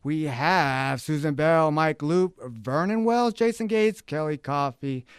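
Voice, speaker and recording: Man, radio host, fast and hyped, high voice, dry studio sound. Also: clear, resonant tone, no echo. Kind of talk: energetic radio talk show hosting.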